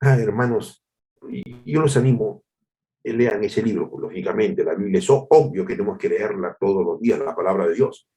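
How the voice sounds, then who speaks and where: A man's voice: fairly low pitch, normal speed, mellow. Emphatic male pastor preaching. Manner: repetitive, emphatic, addresses listeners as brothers. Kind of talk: sermon.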